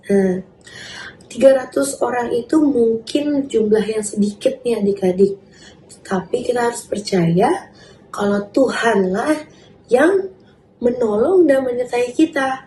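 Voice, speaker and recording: A young woman, a children's church teacher giving a gentle, coaxing children's sermon. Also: on the high side. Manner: gentle, coaxing, talks to kids as "adik-adik". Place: church room. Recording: echoey room with faint background noise.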